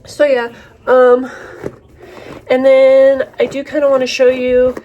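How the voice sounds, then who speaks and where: A woman's voice: high voice, monotone, slow pace, highs cut off, a little hiss or hum. A young adult woman chatting casually in a vlog as she does her makeup, rambling with lots of fillers. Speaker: vlogger. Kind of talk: casual vlog chat while doing makeup.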